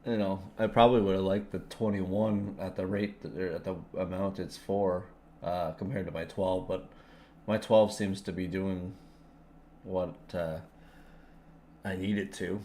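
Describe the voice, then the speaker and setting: A man's voice: deep voice, level tone, measured pace, mellow, slight background noise. A man on a podcast panel, speaking hesitantly and thoughtfully. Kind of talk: casual chat.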